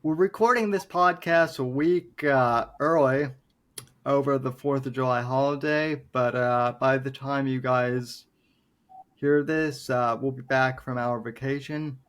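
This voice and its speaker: Brief: unhurried podcast host, a man in his late twenties, hesitant and thoughtful delivery. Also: medium pitch, fairly even intonation, a bit bright. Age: 20s. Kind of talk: casual podcast interview.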